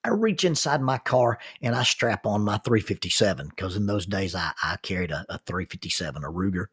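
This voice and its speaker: A man telling a folksy story in a sermon, unhurried and full of restarts. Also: fairly low pitch, expressive, breathy edge.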